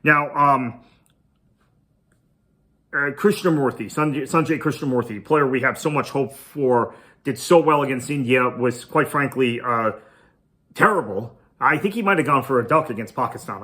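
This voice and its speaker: This podcast host, a man whose native tongue is Tamil, talks in a bright, pushed, medium-pitched voice. Working solo, he previews a cricket match in a conversational style, reasoning things out aloud.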